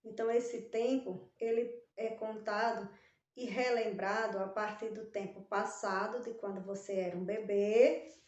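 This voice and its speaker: Recorded in an echoey room, this primary school teacher speaks to young children in a mid-range, darkish voice with a Brazilian Portuguese accent. The Brazilian woman draws syllables out and lands on key words with a sing-song lilt.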